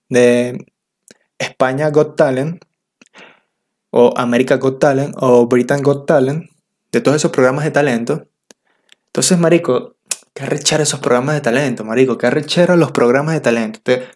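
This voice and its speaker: Joking Venezuelan young man. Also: medium pitch. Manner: joking, slangy and self-mocking. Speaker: vlogger. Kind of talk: casual comedic monologue.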